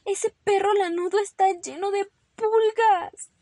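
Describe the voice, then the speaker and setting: Woman voicing a strict mother rabbit, breathy, lively pitch, storybook reading. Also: no room sound, clean studio sound, heavily acted. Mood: scolding. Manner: firm and scolding, quick to alarm. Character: bossy, fussy mother rabbit. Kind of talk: storybook read-aloud.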